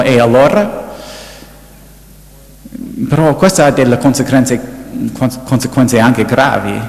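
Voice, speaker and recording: A man, seemingly a priest, quietly telling a personal story in a sermon, recorded in an echoey hall. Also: medium pitch. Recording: echoey hall with long reverb.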